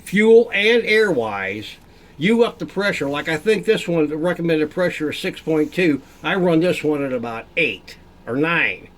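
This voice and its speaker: A man's voice: lively intonation, unhurried, fairly bright tone. An older man with an Arkansas accent explaining his hands-on tinkering in a casual, folksy way, restarting his sentences as he goes. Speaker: tinkerer demonstrating his modified heater. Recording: noisy vehicle-like rumble behind voice.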